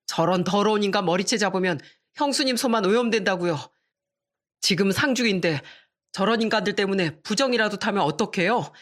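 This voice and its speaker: A woman's voice: medium pitch, lightly acted. Earnest protective young brother-in-law, read by a woman. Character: young brother-in-law, polite but firm.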